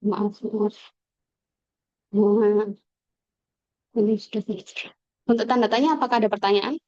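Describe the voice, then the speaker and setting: A woman teacher explaining a lesson slowly on a video call, with fillers and pauses. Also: mid-range voice, fairly even intonation, mellow, dry recording. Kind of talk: online class lecture. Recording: dull lo-fi video call audio.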